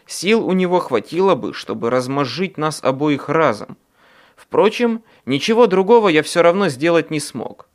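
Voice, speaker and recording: A man narrating an audiobook in first person with a dramatic, expressive delivery. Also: fairly high pitch, moderate pace.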